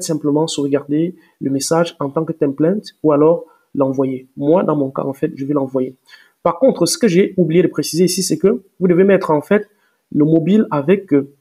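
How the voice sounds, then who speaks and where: A man walking viewers through software step by step in a screen-recorded tutorial, hesitant with many fillers and restarts. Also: on the high side, husky. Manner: explains step by step, addressing viewers directly. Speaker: tutorial presenter.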